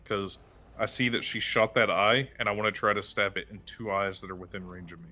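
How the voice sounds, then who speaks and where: A man's voice: lowish voice, steady tone, a little fast, bright, forceful tone. A man playing a character in a tabletop game, casually stating his moves and swearing now and then. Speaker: player.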